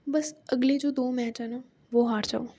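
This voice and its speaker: A woman's voice: fairly even intonation, unhurried, dark tone. A woman whispering as a bossy college girl, whispered role-play. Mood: coaxing. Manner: low whisper, coaxing. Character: bold, possessive young college woman.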